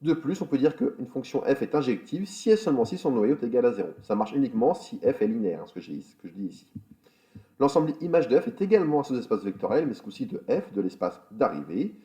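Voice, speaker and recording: A man teaching a recorded math lecture, explaining step by step, with fillers and quick self-corrections. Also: mid-range voice, big pitch swings, warm tone. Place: school in France.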